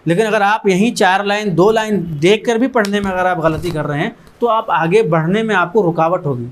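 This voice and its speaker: High-voiced man urging students on. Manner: earnest, exhorting, piles up short repeated phrases. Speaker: founder of an education trust addressing students. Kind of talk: motivational talk to students. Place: learning centre room with students and teachers.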